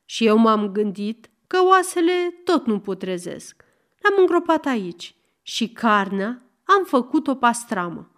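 Woman putting on a wailing old merchant man. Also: very animated. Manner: wailing, shrill, loud.

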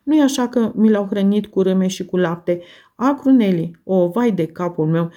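A woman's voice: mid-range voice, dark tone, dull audio, lightly acted. A woman reading the lines of a harsh, scornful, mocking father in an audiobook.

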